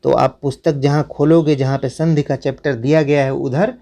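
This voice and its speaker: A man's voice: mid-range voice, fairly even intonation, moderate pace, gravelly, warm tone. A man teaching students, going through a school syllabus and telling them which chapters to cross out, in a repetitive, instructive way. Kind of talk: syllabus walkthrough lesson.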